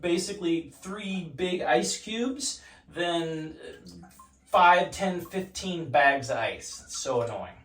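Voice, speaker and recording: A man's voice: high voice, distant mic. Echoey man talking from an ice cold bath. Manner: speaking while sitting in ice cold water. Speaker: vlogger demonstrating ice baths. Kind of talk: casual instructional talk to camera. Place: home bathtub in a bathroom. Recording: echoey bathroom, off-mic, water noise.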